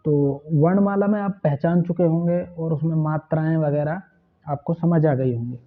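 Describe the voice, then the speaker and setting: A man's voice: a little high, steady tone, moderate pace. A man teaching an online language lesson, patiently spelling out letters and their sounds. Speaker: Urdu teacher. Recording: tinny phone-like sound.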